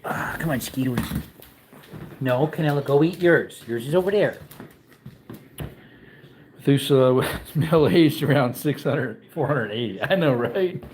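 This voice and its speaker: Unhurried and expressive, with long pauses and a darkish tone, a man in his thirties runs a relaxed livestream from his home man cave, wandering from topic to topic and reading viewer comments. He uses high baby-talk to call his dog. A little hiss or hum sits under the audio.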